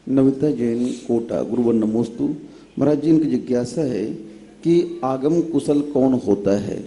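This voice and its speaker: Dark-voiced man reading questions. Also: medium pitch, measured pace. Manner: formal and respectful, addresses the monk as maharaj ji. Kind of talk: reading devotees' questions aloud.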